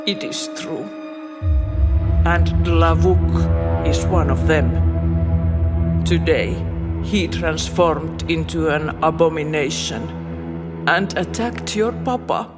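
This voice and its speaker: A man voicing a stern, grieving Boryot mother who tells old tales slowly and solemnly. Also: fairly high pitch, voice pushed up. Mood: grave. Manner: slow, solemn storytelling. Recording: long hall reverb over music.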